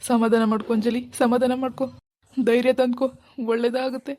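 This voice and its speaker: A woman voicing a meek, remorseful village husband who soothes his wife, talking slowly and repeating himself. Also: fairly high pitch, little pitch movement, darkish tone, pitched below the performer's own voice, lightly acted. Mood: soothing.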